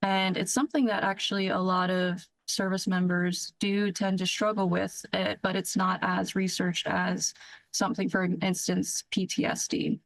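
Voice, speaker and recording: A woman's voice: on the low side, monotone, normal speed, poor audio. A young woman, an active duty Air Force lieutenant, answering in a news interview, earnest and careful with frequent restarts.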